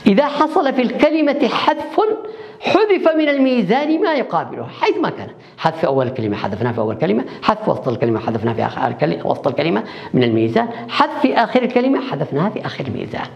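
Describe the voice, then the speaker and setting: A man's voice: sits high, very animated, rapid-fire, gravelly. A male university lecturer giving a recorded online lecture, explaining step by step and answering his own questions to the class. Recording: echoey room, dull lo-fi sound.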